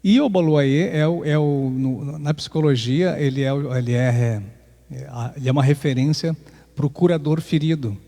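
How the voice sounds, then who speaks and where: A man's voice: fairly high pitch, moderate pace, vocal fry, mellow, in a large hall. A man with a Brazilian Portuguese accent hosting a podcast, talking casually and reflectively, often restarting his sentences. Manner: hesitant, many restarts, reflective. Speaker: podcast host. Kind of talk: casual talk on Afro-Brazilian myths, with sung chant.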